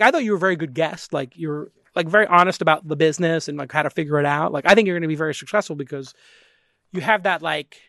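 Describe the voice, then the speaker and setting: A man hosting a podcast in casual, rambling conversation, animated and swearing casually. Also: fairly high pitch, dry recording, clean studio sound. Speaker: podcast host.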